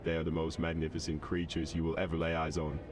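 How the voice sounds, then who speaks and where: A man's voice: rumbling low, completely flat delivery, quick pace. A man voicing a boastful, courteous circus lion tamer in a video game, speaking in a florid, polite, pompous way. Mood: polite, proud. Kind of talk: game character dialogue.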